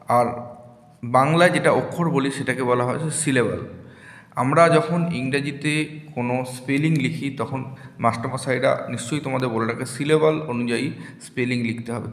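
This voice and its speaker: A man teaching a grammar lesson to children, slowly repeating words syllable by syllable. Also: medium pitch. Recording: echoey room with long reverb.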